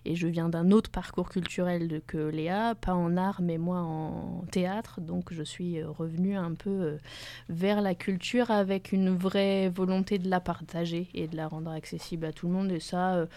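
A woman's voice: on the low side, steady tone, moderate pace, warm tone, no echo. A woman speaking as a guest in a radio interview, hesitating often, with many fillers and restarts.

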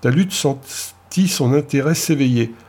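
A man narrating an audiobook in a steady, measured reading. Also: mid-range voice, slightly rough.

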